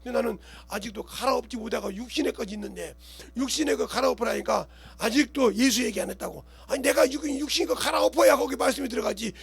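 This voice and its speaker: A male pastor with a high, gravelly voice preaches a sermon at a fast clip. His style is colloquial and animated: he keeps asking the congregation whether they understand, and acts out scenes with gestures and quoted voices.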